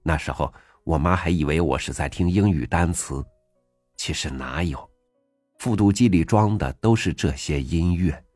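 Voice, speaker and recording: A man hosting a reading program, narrating a first-person essay in a gentle, reflective way. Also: deep voice, normal speed, no echo. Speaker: audiobook host reading an essay. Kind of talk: scripted narration. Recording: dry studio voice over faint music.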